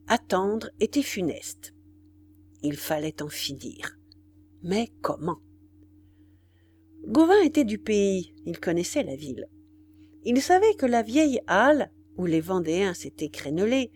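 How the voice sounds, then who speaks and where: Brief: female audiobook narrator, dramatic and expressive, mid-pitched with wide swings. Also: slight background noise. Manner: dramatic, varied reading.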